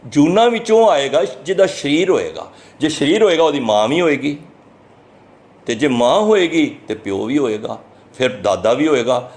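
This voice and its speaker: A man with a Punjabi accent giving a sermon, explaining scripture line by line in an earnest, teaching manner and drawing verses out slowly before he explains them. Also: mid-range voice, very animated, a little mellow. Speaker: Sikh preacher giving scripture commentary.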